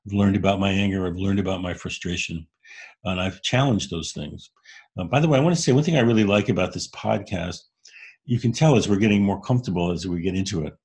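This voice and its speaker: A man's voice: deep voice, fast, darkish tone, husky. A man co-hosting a podcast in casual conversation, speaking candidly and earnestly as he explains his ideas. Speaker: podcast co-host.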